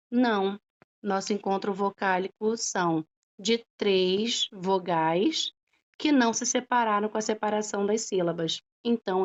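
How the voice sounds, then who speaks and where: A woman teacher talks through a lesson at a very slow, unhurried pace, drawing out each syllable and pausing to check that her students follow. Her voice sits at a middle pitch, and the recording is dull and lo-fi. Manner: patient, drawn-out syllables, frequent "tá?" checks. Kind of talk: slow classroom explanation.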